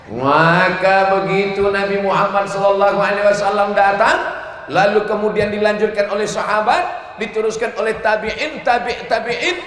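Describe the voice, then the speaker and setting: A man's voice: high-pitched, fairly bright tone. A man preaching to a large crowd at an outdoor gathering, asking the audience questions, chanting Arabic phrases and joking between points. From Indonesia. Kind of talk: lively sermon to a crowd. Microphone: loud sound system. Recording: very echoey, reverberant, slight noise.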